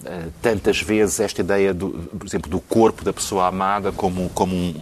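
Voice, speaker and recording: A man's voice: low voice, fairly even intonation, moderate pace, slight background noise. A man with a Lisbon Portuguese accent, a talk show guest who speaks hesitantly, repeating words often. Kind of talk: casual talk show conversation.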